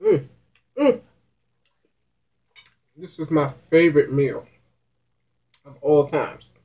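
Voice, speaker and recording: A woman's voice: deep voice, very animated, slow, dark tone. A middle-aged woman hosting a mukbang video, chatting casually and appreciatively between mouthfuls. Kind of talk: casual chat while eating. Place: small curtained room at home, indoors.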